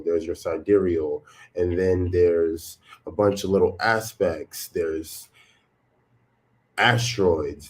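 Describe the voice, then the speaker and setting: A man talking in a relaxed, earnest and reflective way in a casual conversation. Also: sits low.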